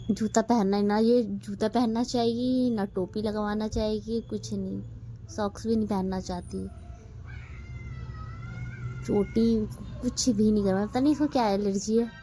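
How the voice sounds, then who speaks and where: A woman's voice: mid-range voice, warm tone, a little hiss or hum. A woman in her thirties, a mother, chatting casually to her viewers at home in a family vlog, fondly grumbling about her child. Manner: chatty, scolding-fond, addresses viewers directly.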